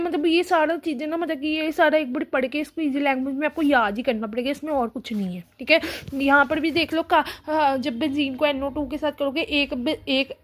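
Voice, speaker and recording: A woman tutor giving a casual online chemistry lesson, reading lines slowly and repeating each step. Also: sits high. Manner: reads textbook lines slowly, repeats steps, many fillers.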